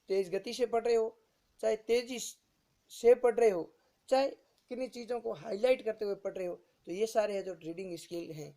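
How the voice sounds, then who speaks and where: This male teacher's voice is high and a little mellow. Lecturing for exam prep, he says each term twice, fires off rhetorical questions, and treats his audience as friends.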